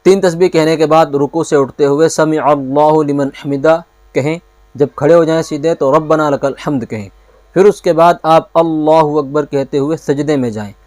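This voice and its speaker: A man's voice: fairly high pitch, darkish tone, no echo. Patient male mufti teaching prayer. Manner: patient, repeats key points, recites Arabic phrases slowly. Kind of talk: step-by-step religious lesson.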